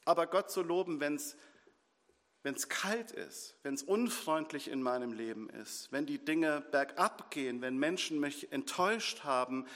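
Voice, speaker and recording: Speaking in a slightly high, somewhat bright, expressive voice without hurry, a man delivers an earnest sermon of repeated short phrases and guides his congregation into prayer. It's recorded in a church hall with long reverb and faint music behind.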